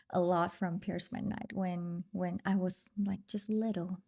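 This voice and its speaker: On a podcast, a woman from Vietnam talks casually in Vietnamese-accented English during an interview, taking her time, laughing a lot, and restarting with fillers. Her voice is lowish, creaky and dark, with little pitch movement.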